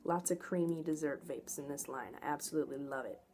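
A young woman talks casually to camera as she reviews products. Her voice sits a little low for a woman, and she sounds informal and enthusiastic. The recording is made indoors on a camera microphone, with some noise behind her. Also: brisk, a little mellow. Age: young adult. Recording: noticeable background noise, home camera audio.

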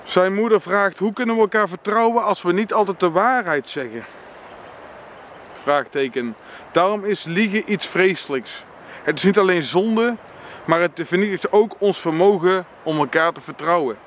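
A Dutch-accented man reads a book passage aloud and reflects on it, slow and earnest. His voice sits high and is a bit bright, and he stumbles now and then, correcting himself. There is slight background noise.

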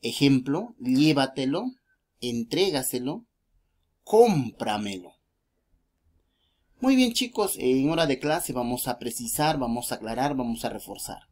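A woman teacher giving a recorded grammar lesson to children, slow and deliberate, reading out each rule and example. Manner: slow, deliberate, lively pitch, spells out examples. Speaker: primary school teacher.

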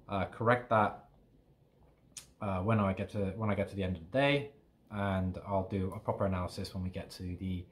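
A man's voice: fairly low pitch, slight background noise. A young British man talking casually in a rambling, self-correcting video diary at home. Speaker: fitness vlogger.

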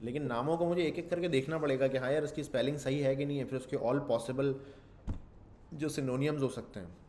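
A man's voice: mid-range voice, steady tone, a little fast, darkish tone. Male programming instructor, loose rambling lecture delivery with English tech terms, light background hiss. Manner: rambling, thinks aloud, mixes English terms into Urdu. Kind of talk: casual screen-share coding lecture.

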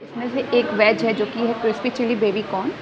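Holding her phone at arm's length, a young woman reviews dishes casually in a small indoor restaurant and outside its entrance, describing each one as she tastes it. Her fairly high voice is steady and a little fast, and the lo-fi recording picks up a crowd in the background.

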